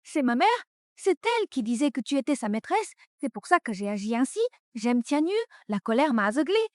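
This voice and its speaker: A desperate, wheedling fiancée. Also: female voice, high voice, sing-song, brisk, a little mellow, no room sound, clean studio sound. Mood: pleading. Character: scheming, pleading young woman fiancée. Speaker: dubbing actress. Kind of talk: French dub of a melodrama.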